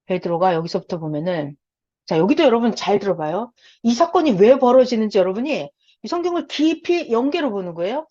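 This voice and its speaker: A woman's voice: mid-range voice, big pitch swings, brisk, mellow. A woman leading a Bible study, speaking emphatically, repeating her points and asking rhetorical questions. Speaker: Bible teacher. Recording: dull lo-fi sound.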